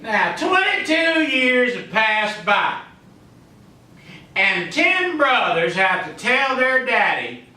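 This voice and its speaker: Emphatic pastor in an echoey church. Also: male voice, very high-pitched, very animated, slow pace. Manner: swings between loud emphatic calls and quiet asides; peppers speech with "you know" and "amen". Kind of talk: preaching a sermon. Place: church sanctuary. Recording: echoey church, mic at a distance.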